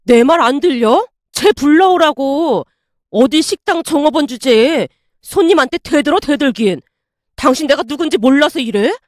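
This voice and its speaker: A woman's voice: high voice, animated, moderate pace, no room sound, studio quality. A woman voicing a sneering bully of a man. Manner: sneering, yelling insults. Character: arrogant bullying young male customer.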